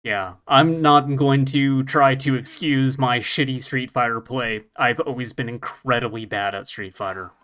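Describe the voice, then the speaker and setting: A man's voice: medium pitch, a little slow, hardly any pauses, a bit bright, clear, resonant tone. A man co-hosting a podcast, chatting casually while playing a retro fighting game, joking about himself, laughing and swearing now and then. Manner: self-deprecating, laughs often, swears casually. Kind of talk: casual gameplay chat.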